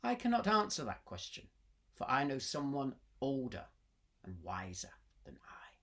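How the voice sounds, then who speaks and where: A wise old grey-bearded Irish sage of legend, voiced by a storyteller, humble before elders. The pitch moves widely, as in animated oral storytelling. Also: a little slow, exaggerated voice. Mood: humble, solemn.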